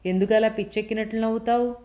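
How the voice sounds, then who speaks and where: A woman's voice: mid-range voice, unhurried, lightly acted. A woman voicing a fiery middle-aged woman who hates men, talking sharply and indignantly in a raised voice. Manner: sharp, indignant, shouting accusations.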